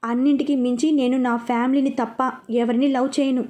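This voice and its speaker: Storybook: woman doing a calm, firm young woman, matter-of-fact, high voice. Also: a little fast, close to an everyday voice.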